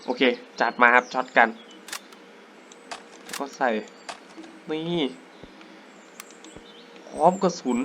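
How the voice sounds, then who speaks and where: A young man giving casual, excitable commentary while playing a hunting game, breaking into sudden jumpy exclamations. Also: mid-range voice, takes it slowly, long pauses, a little hiss or hum. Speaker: gaming YouTuber. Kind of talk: casual let's-play commentary.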